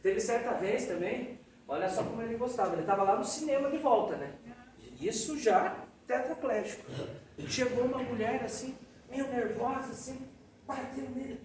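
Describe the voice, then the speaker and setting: A man with a Brazilian accent giving a Spiritist lecture, telling stories in a lively, folksy way and often tagging his sentences with a question. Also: very high voice, normal speed. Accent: Brazilian Portuguese. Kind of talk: storytelling lecture. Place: Spiritist society hall. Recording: echoey hall, distant mic, faint noise.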